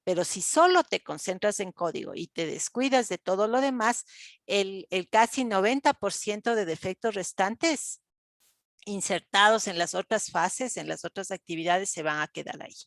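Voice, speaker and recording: A woman's voice: mid-range voice, expressive, moderate pace, no room sound. A woman, lecturing an online class, explaining step by step with frequent fillers and check-ins to students. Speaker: university lecturer.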